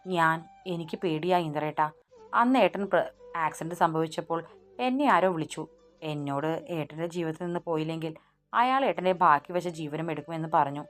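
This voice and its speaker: A woman voicing a grieving young wife who speaks in a halting, pleading way, read in an audiobook story. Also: low-pitched, faint music behind, lightly acted. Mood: tearful pleading.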